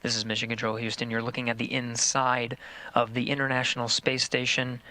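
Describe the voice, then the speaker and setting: Male mission commentator: bright voice, measured, explanatory live space broadcast delivery. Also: medium pitch, monotone, slight background noise.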